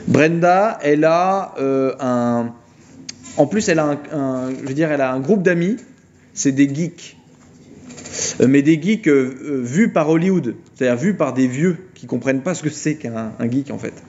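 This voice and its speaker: A man giving an informal philosophy lecture, retelling a film plot with mocking, animated storytelling. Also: medium pitch, normal speed, lo-fi sound, a little hiss or hum.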